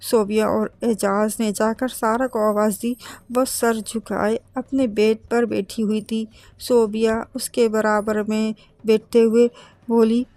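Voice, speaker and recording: A woman telling a horror story as scripted narration, reading in a steady, even way. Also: a little high, no echo.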